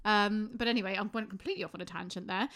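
A woman's voice: medium pitch, steady tone, racing, a bit bright. A woman co-hosting a true crime podcast, chatting loosely with tangents and laughter, then reading a scripted case introduction. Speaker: podcast co-host. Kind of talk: casual chat and scripted narration.

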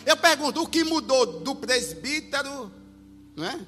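Animated preacher man in a reverberant hall. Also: very high voice, normal speed. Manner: animated, acts out voices and shouts. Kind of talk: sermon storytelling. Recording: long hall reverb with faint music.

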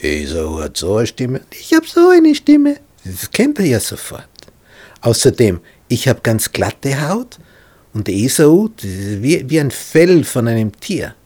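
A man's voice: mid-range voice, huge pitch swings, unhurried, darkish tone. A man voicing the young man Jakob, anxious and hesitant, pleading in a rising, agitated voice. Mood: fretful.

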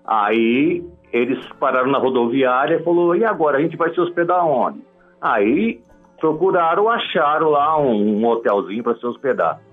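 A man's voice: mid-range voice, lively intonation, normal speed, phone-quality sound, soft background music. A man calling in to a radio show, telling a joke in a rambling, hesitant way. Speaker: caller.

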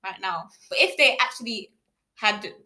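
A woman's voice: medium pitch, lively intonation, normal speed, bright, forceful tone, reverberant. A young woman giving her view in a casual debate among friends.

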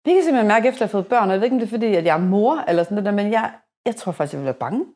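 A woman in her forties hosting a podcast, chatting casually and telling stories in a lively way with many restarts. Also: medium pitch. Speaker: podcast host. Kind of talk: casual conversation.

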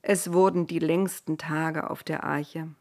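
Woman narrator, slow, gentle storybook reading, whispers at moments. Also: deep voice, steady tone. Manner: gentle, drops to a whisper at times.

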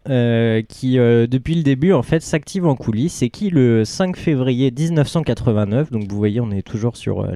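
Male podcast co-host, warm dark tone, hesitant explainer, dry close sound. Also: medium pitch, no echo. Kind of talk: casual football history chat.

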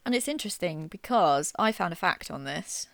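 A woman's voice: lowish voice, expressive, a little fast, vocal fry, fairly bright tone, no room sound. A woman co-hosting a podcast in casual, wry chat, laughing often. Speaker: podcast co-host.

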